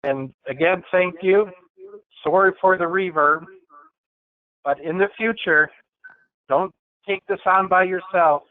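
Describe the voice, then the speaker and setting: A man's voice: high-pitched, unhurried, pauses often. A man presenting on wildlife control and answering questions in a plain, folksy, matter-of-fact way, his voice heavy with reverb. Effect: heavy reverb, echoey sound. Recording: reverberant, tinny phone-like audio.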